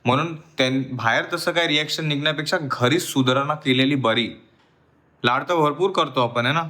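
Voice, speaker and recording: In a home vlog shot indoors, a father scolds his small daughter sternly, slipping English words into his speech. His voice is medium-pitched, bright and forceful, at a moderate pace.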